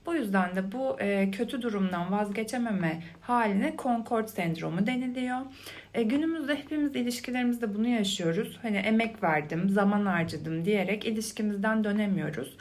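A woman giving a quiet, hushed ASMR explanation in a soft, calm, late-night manner. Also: fairly high pitch, a little fast. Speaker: host explaining a psychology concept.

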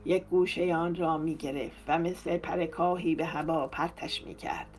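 A woman's voice: lowish voice, fairly even intonation, a little mellow, soft background music, lightly acted. A woman narrator voicing a talkative female maid in an audiobook, telling her master gossip in an amazed tone. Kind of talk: audiobook character reading.

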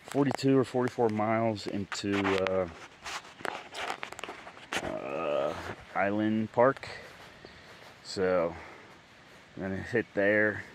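A man's voice: sits low, background noise. A man recording a casual bikepacking vlog outdoors at a rural campground, talking candidly in a rambling way with many fillers and restarts. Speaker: bikepacking vlogger. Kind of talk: casual trail vlog to camera.

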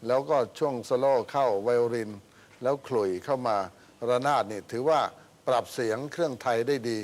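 A man giving a measured, polite critique of a band as a TV contest judge. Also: medium pitch. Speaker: talent show judge. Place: TV studio with audience.

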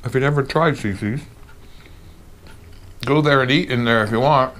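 A man's voice: medium pitch, normal speed, fairly bright tone, a little hiss or hum. Man talking with his mouth half full. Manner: chatty, rambling, talks while eating. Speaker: food reviewer. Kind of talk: casual vlog review. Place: home.

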